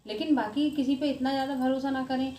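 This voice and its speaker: Quick-paced and warm, the woman's high voice holds a steady tone. This vlogger from India talks informally with earnest emphasis, frequently doubling back on what she's said, and the echoey room carries a faint background noise.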